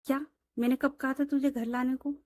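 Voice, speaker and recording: A woman voicing a stubborn, quick-tempered young female boss who scolds and protests. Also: high voice, flat delivery, dark tone, no echo, studio quality, close to an everyday voice. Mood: indignant. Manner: scolding, indignant.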